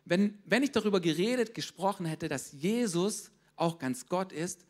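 The sermon comes from a high-voiced man serving as pastor, who addresses his listeners with lively directness and often pauses for a quick question.

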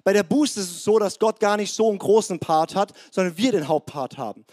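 A man preaching a sermon in a lively, conversational way, acting out the biblical figures, his voice a bit strained this morning. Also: high-pitched, a little fast.

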